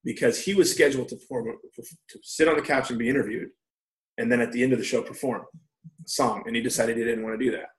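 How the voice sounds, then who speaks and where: A man's voice: medium pitch, steady tone, quick pace. A man in his forties, a stand-up comedian, telling stories at home in a loose, profane way with lots of quoted dialogue. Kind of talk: casual storytelling interview. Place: room at home. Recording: echoey room.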